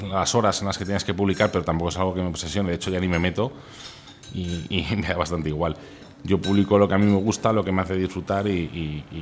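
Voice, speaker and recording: A man from Spain with a Spanish accent talks candidly and colloquially as a guest in a casual interview, sharing anecdotes as a food recommendation influencer. His voice is low, with a slight hiss or hum in the audio.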